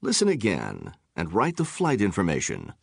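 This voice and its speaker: A man reading scripted textbook audio instructions in a deliberate, instructional way. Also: low voice, huge pitch swings, gravelly, slightly rough, no echo, studio quality.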